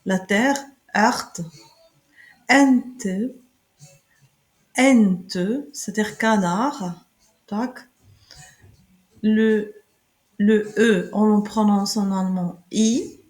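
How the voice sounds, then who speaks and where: A woman gives a German pronunciation lesson, explaining letters and words in a very slow, halting way, with fillers and restarts. Her voice sits at a middle pitch. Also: fairly even intonation, a little mellow, low-quality recording. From Morocco. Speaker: German teacher.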